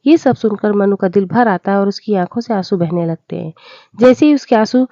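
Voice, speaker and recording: A woman reads a moral tale as scripted narration, steady and plain in her delivery. Her voice is mellow, and the recording is dry with a slightly dull, lo-fi sound. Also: medium pitch, fairly quick, no echo. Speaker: storyteller.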